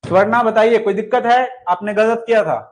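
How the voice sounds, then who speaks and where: Male teacher running an online class, high voice, repeats himself, keeps checking if students follow. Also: a little fast, low-quality recording. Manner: asks students to answer and comment, repeats key points. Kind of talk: online lesson solving exam questions.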